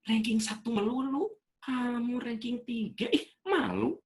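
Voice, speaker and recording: A man voicing a nagging mother who scolds her child in an exaggerated high voice. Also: measured pace, creaky, full character voice. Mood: scolding.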